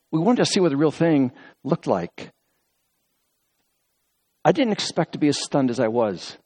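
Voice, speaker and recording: A man preaching a sermon in a storytelling way. He dashes through asides, then slows right down to lean on key words, breaking off now and then to read scripture aloud. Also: mid-range voice. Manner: storytelling, lively shifts between quick asides and slow emphatic phrases; reads scripture aloud within the talk. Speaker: pastor.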